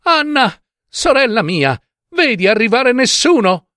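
A man's voice: extremely high pitch, sing-song, unhurried, pushed and bright, no echo, studio quality, pitched above the performer's own voice, exaggerated voice. A man voicing a terrified young wife, pleading anxiously and breathlessly in a raised voice.

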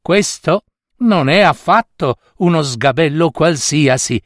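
A man's voice: on the high side, animated, slow, no room sound, studio quality. A man voicing a tiny magical woman, kindly but stern, calling out breathlessly. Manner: breathless, pleading calls.

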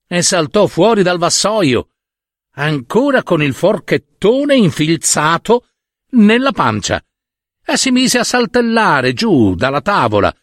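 Slow, expressive male storyteller. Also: on the high side, dry recording, studio quality. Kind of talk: scripted fairy tale narration.

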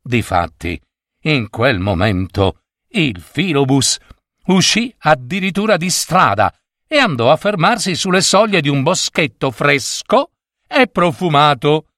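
Expressive man reading a children's story. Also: fairly high pitch, measured pace, dry recording, clean studio sound. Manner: expressive, with many voices. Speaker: narrator.

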